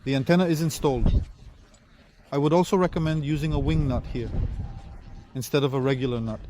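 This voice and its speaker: Reviewing radio equipment hands-on, this presenter demonstrates the gear and explains it plainly, one step at a time. His voice is medium-pitched and mellow, with a little hiss or hum in the recording.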